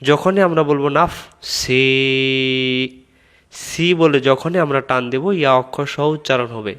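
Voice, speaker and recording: A man teaching the correct pronunciation of a prayer, reciting words slowly and breaking them into syllables. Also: on the high side. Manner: slow, drawn-out recitation of Arabic words, repeated syllable by syllable; patient, instructive explanation. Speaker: religious teacher.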